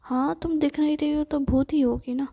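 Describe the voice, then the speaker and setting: A woman voicing a nervous young man who mutters anxiously and chats with a ghost, in a breathy whispered role-play. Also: high-pitched, fairly even intonation, moderate pace, dark tone. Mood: puzzled. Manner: fretful, muttering to himself.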